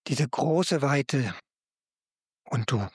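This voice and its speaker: Male preacher, husky voice, dry close sound, warm direct address to the listener. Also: mid-range voice, animated, drawn-out words, dry recording. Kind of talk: devotional Bible talk.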